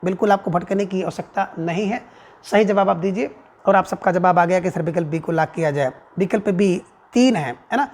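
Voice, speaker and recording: A man's voice: sits high, a little mellow. Man teaching with constant check-in questions. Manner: checks in with frequent tag questions; reads out each answer option in a measured, drawn-out way. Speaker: Hindi grammar teacher. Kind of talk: exam-prep quiz lesson.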